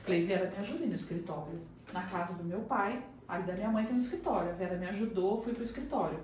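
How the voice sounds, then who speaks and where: A woman with a Brazilian Portuguese accent, a guest on an interview show, telling a personal story in a lively way and acting out what others said. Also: mid-range voice, quick pace. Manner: animated storyteller who acts out the other people's lines. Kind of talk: casual chat, personal storytelling. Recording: very echoey room, distant mic, faint noise.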